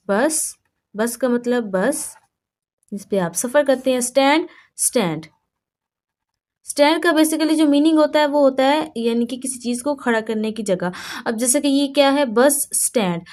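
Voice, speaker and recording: Woman teacher slowly reading out English. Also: on the high side, darkish tone. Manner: reads English phrases very slowly, then explains them in quick Hindi-Urdu; repeats words and says "yaani ki" often. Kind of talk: slow classroom-style vocabulary lesson.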